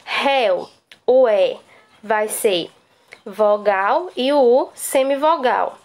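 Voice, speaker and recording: A woman's voice: fairly high pitch, slow. Patient woman teaching a lesson. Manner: patient, explanatory, repeats key points. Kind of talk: recorded classroom lesson.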